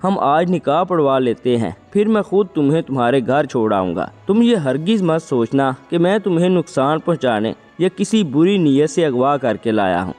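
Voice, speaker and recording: A man's voice: fairly high pitch, sing-song, few pauses, a little mellow. A man reading the part of a stubborn young man who begs and insists on marriage, in a storybook reading with faint music behind. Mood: insistent. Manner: insistent, begging. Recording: long reverb, faint music.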